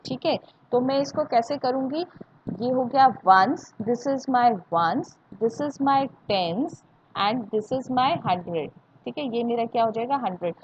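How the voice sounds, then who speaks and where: Higher-pitched Indian woman teaching maths online. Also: lively intonation, slow pace. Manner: repeats points and asks students check questions, mixing Hindi and English. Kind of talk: live online class teaching. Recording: dull lo-fi audio with faint hiss.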